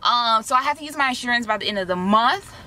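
A woman's voice: on the high side, animated, fast, bright, forceful tone. A young woman, chatting to her viewers in a slangy, direct way while doing a face mask inside a parked car, recorded on a camera close in front of her. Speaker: vlogger.

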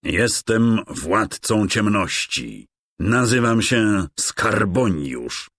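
A man voicing a sly, treasure-hoarding male lord of darkness in a children's game, speaking slowly and mockingly. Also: lowish voice, big pitch swings, a bit bright, no room sound, pitched above the performer's own voice, full character voice. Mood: gloating. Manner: mocking, gloating, slow and drawn out.

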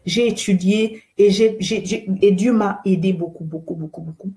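A woman's voice: medium pitch, normal speed, dark tone, echoey room, soft background music. A woman hosting a live faith talk, earnest and exhortative, repeating key phrases and greeting viewers by name. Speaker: host of an online faith talk show.

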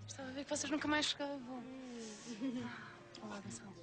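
An actress playing a chatty, bossy young woman in a television soap, brisk and teasing, with a European Portuguese accent. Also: high voice, music in the background, lightly acted. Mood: lively, teasing. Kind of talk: television soap drama acting.

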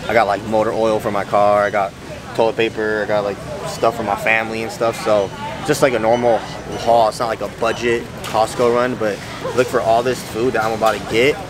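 A man's voice: fairly low pitch, little pitch movement, fairly quick, a crowd in the background. A young man vlogging casually while shopping in a big warehouse store, joking and slangy. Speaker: fitness vlogger. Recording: noisy store ambience.

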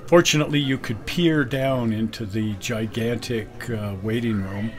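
Here a man in his sixties from Utah hosts a video, speaking at normal speed in a mid-range voice. The chat is casual and wistful, full of easy laughter, and was captured indoors on a camera.

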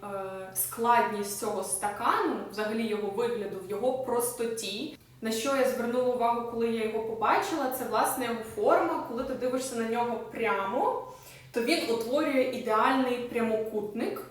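A woman's voice: fairly high pitch, brisk. Chatty woman vlogger in an echoey room. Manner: chatty and enthusiastic, many filler sounds. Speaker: lifestyle vlogger. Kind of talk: casual show-and-tell chat. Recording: echoey room, mic at a distance.

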